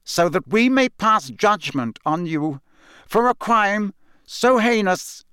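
A man reading aloud voices a stern, hate-filled older judge who bellows his pronouncements clearly. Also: high-pitched, lively intonation, takes it slowly, a bit bright, dry recording, studio quality, voice pushed up, full character voice.

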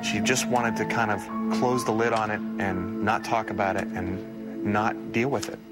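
Male interviewee, lowish pitch, reflective recounting, documentary, prominent music behind. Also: fairly even intonation, normal speed. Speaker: interviewee recounting events with his partner.

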